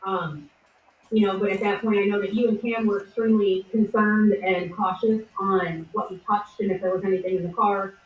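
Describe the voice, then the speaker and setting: Recorded from afar in an echoey room with slight background noise, a woman with a mid-range voice rambles through a casual discussion at a moderate pace. Her pitch barely moves, and she hesitates often, leaning on many fillers.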